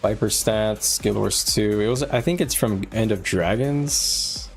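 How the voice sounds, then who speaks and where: A man with a fairly low, gravelly voice talks at a measured pace during a casual game stream. Thinking aloud, he gives his viewers conversational gameplay advice over background music.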